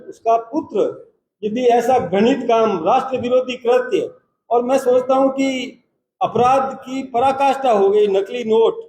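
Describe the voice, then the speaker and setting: A man, a party state president, giving a formal, measured press conference statement and taking reporters' questions in turn. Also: extremely high pitch, warm tone. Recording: roomy echoey hall.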